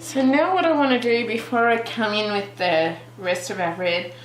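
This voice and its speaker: A woman hosting a relaxed real-time colouring tutorial, chatting and thinking aloud with trailing restarts as she works. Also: fairly high pitch, moderate pace, slight background noise. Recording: roomy echo with faint background music.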